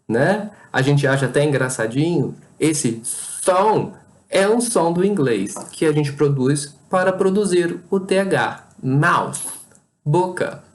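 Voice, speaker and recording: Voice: medium pitch, expressive, slow, darkish tone. An English teacher with a Brazilian Portuguese accent gives a pronunciation lesson, patiently repeating each word and over-articulating its sounds.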